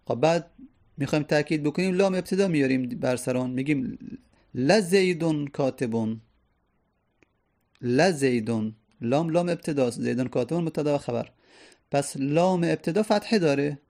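A man's voice: fairly high pitch, vocal fry, mellow. A man teaching a grammar lesson, explaining step by step and answering his own questions.

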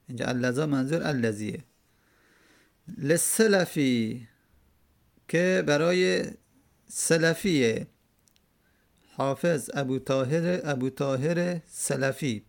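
A religious teacher with a fairly high, creaky voice pauses often while giving a classroom lecture on a hadith text. He explains a quoted Arabic verse word by word and repeats the key terms.

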